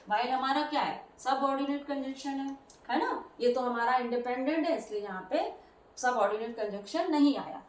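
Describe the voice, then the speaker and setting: Female grammar teacher, high voice, patient step-by-step explainer, recorded in a roomy space with the mic set back. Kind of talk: classroom grammar lesson. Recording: roomy echo, voice from a distance.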